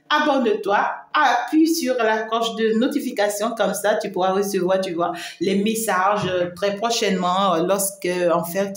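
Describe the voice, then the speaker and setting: A woman spiritual medium giving an emphatic, repetitive live-streamed talk, addressing her viewers fondly. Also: mid-range voice. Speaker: spiritual medium and channel host. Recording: roomy echo.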